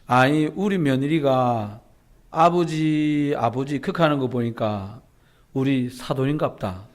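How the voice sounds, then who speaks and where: A man voicing a chatty elderly village grandmother with a Gyeongsang accent, telling a joke inside a sermon in a slow, drawling gossip. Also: medium pitch, natural voice. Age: 70s.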